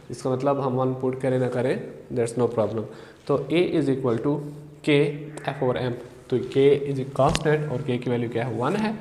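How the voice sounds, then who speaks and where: A man teaching a physics lesson, asking himself questions and answering them step by step, and slowing down to recite English definitions. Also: mid-range voice, dark tone. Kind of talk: classroom lecture. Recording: echoey hall with faint background noise.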